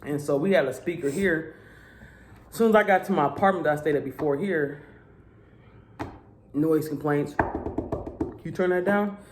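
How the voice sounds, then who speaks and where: A woman hosting a casual eating vlog at home, telling stories with an animated, drawling, laughing manner. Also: low voice, moderate pace, pauses often, a little hiss or hum. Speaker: vlog host. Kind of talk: casual chat while eating. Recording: echoey room.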